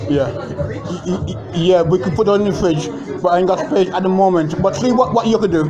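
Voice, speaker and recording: A middle-aged man with a very high voice hosts his family in a home kitchen, joking and laughing often with a slight stammer. Guests talk loudly all around him. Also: brisk, highs cut off. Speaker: family host. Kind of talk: casual family chat. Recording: loud chatter of guests around.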